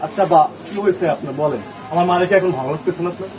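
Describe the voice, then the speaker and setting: A man's voice: high voice, rapid-fire, recorded from a distance, over music, close to an everyday voice. A man playing a pleading eldest son. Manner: pleading yet scolding, talks over others. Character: eldest son trying to calm an angry father. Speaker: eldest son in a family drama.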